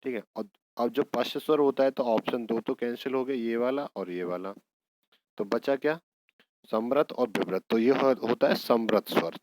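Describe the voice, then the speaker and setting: A man's voice: medium pitch, moderate pace, darkish tone, low-quality recording. A man teaching an exam prep lesson, working through each question step by step and answering his own prompts.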